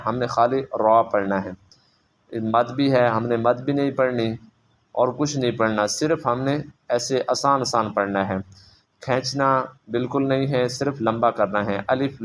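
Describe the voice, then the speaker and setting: A man teaching Quran reading, explaining quickly and then drawing out each letter slowly and loudly. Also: mid-range voice, dull audio, a little hiss or hum. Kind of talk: step-by-step recitation lesson.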